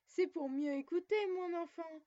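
A sly, hungry storybook wolf voiced by a woman speaks with a coaxing menace. The voice sits high for a beast, and the dull, lo-fi recording softens its edges. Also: unhurried, no room sound. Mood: menacing.

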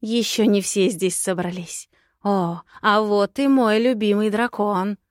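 A woman voicing a scheming, cruel witch who taunts in drawn-out, sing-song phrases. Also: medium pitch, steady tone, no room sound, studio quality, close to an everyday voice. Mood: gloating. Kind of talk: audiobook character voice.

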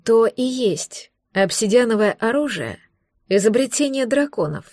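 A woman's voice: fairly high pitch, animated, unhurried, darkish tone, no room sound. A woman voicing a wounded male dragon in human form who grumbles with dry, mocking irony, in an audiobook. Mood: grumpy, mocking. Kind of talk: audiobook dialogue.

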